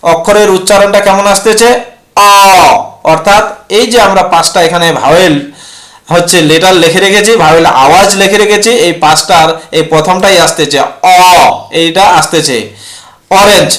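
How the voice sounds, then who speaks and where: A man's voice: sits high, fairly bright tone. A man teaching an English grammar lesson who keeps asking questions and answering them himself. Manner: repetitive, asks and answers his own questions. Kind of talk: classroom lesson explaining rules.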